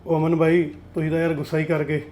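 An actor playing a troubled firm owner who talks calmly and reasons with an angry client, with a Punjabi accent. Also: male voice, a little high, fast talker, close to an everyday voice. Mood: placating. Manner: soothing, reasoning. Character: troubled male firm owner, placating and weary. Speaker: office owner.

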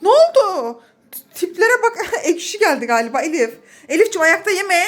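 A woman's voice: extremely high pitch, big pitch swings, normal speed. A woman in her thirties, a mother filming a family vlog, coaxing her children and talking to viewers in a playful, exclaiming way. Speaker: mother and vlogger.

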